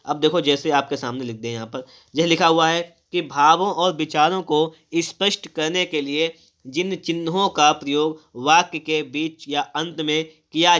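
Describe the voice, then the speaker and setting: A man's voice: fairly high pitch, fairly bright tone. A man teaching a grammar lesson for exams, explaining step by step and asking and answering his own questions. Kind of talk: exam-prep grammar lesson.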